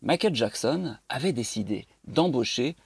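A man's voice: medium pitch, animated, measured pace, gravelly, husky, no echo. A man presenting a playful, theatrical music chronicle on the radio.

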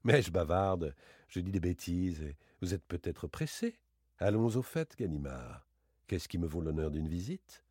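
A man voicing a playful, boastful gentleman thief in a dramatic audiobook reading, teasing and theatrical. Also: sing-song, a little slow, breathy edge, no echo, clean studio sound, exaggerated voice. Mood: mocking, boastful. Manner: teasing, theatrical, swings between bright exclamations and low asides.

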